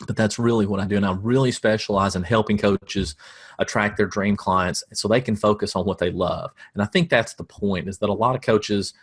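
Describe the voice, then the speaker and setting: A husky, lowish male voice with a steady tone moves along fairly quickly. He is a middle-aged man with a Southern American accent who teaches coaches marketing in a casual, folksy style full of self-deprecating jokes.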